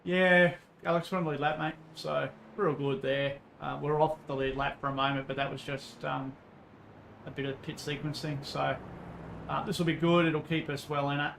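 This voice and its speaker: Australian man, laid-back blokey streamer, casual commentary, fry in the voice, faint background noise. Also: a little high, level tone, moderate pace, a bit bright, rough recording. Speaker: livestreamer racing in an online endurance sim race. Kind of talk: casual livestream commentary to chat.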